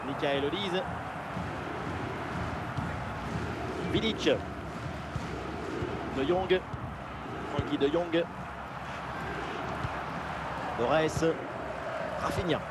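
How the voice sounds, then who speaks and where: A man playing an excited football play-by-play commentator, calling names in clipped bursts and surging on big plays. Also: a little high, slow, very noisy. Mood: focused, engaged.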